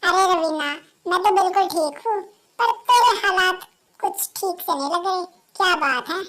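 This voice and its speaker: A woman's voice: extremely high pitch, moderate pace, fairly bright tone. A woman voicing a sly female crow friend who gives wicked advice in a conspiratorial tone. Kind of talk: cartoon voice acting.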